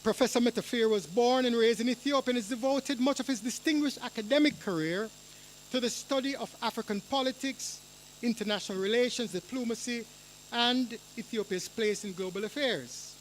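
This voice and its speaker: A man giving a formal academic speech at a forum. He speaks in a measured, rhetorical way, with touches of dry humor. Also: extremely high pitch, slight background noise, rough recording. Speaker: university professor giving a speech. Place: lecture hall or forum room.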